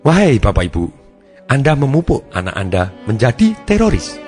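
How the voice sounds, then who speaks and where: A man giving a motivational seminar talk, telling examples with lively energy. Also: medium pitch, moderate pace, faint music behind. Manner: lively, animated storytelling. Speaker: motivational speaker.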